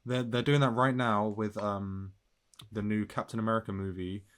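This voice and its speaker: A man chatting bluntly about films as a podcast co-host, swearing casually and trailing off quietly. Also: on the low side, fairly even intonation, moderate pace. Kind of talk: casual film discussion.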